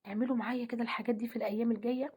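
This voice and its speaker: A woman with an Egyptian accent speaks in a gentle devotional talk, moving quickly from line to line. Her voice sits a little high and carries a husky, breathy grain, and she often sinks into a soft half-whisper. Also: fairly even intonation. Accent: Egyptian Arabic. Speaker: religious speaker.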